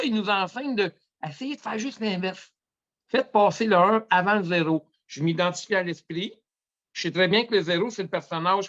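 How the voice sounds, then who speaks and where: A man's voice: sits high, dull audio. A man in his fifties with a Quebec French accent, telling rambling spiritual stories in a casual talk. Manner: rambling, animated storyteller. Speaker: guest.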